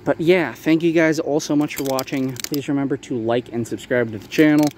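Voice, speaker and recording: A man giving a casual, explanatory product showcase for a video, talking in a halting, hedging way. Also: mid-range voice, steady tone, a little mellow. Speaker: maker showing a handmade prop replica for sale. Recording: clear background ambient noise.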